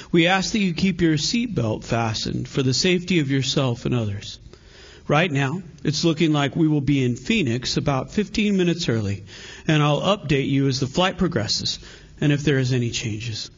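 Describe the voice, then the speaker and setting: A man speaking as an airline pilot making a calm, steady in-flight announcement from the flight deck. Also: fairly high pitch, slightly rough, highs cut off. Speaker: pastor.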